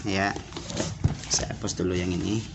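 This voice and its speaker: A man teaching basic Arabic to children, repeating words slowly and checking that they understood. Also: low voice, level tone, vocal fry. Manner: repeats words slowly and asks questions back. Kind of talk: classroom lesson for children. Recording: dull lo-fi audio with faint room noise.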